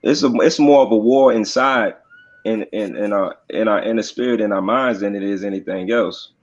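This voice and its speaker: A man's voice: lowish voice, moderate pace. Rapper guy on a podcast, chill and cussing a lot, kinda muffled lo-fi sound. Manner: laid-back, profane, many fillers. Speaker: rapper guest. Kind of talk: casual podcast interview.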